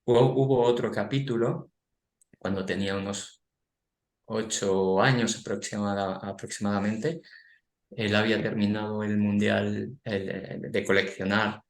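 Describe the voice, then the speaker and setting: Low-voiced man in an echoey room. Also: fairly even intonation, unhurried. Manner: recounts dialogue, frequent tag questions. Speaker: guest. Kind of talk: storytelling anecdote.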